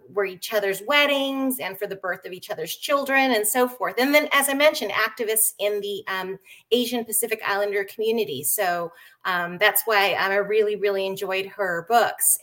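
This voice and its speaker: A middle-aged woman from San Diego, born in Japan, chatting as a guest with many hesitant pauses. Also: mid-range voice, sharp tone. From born in Japan, raised in San Diego. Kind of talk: casual conversation.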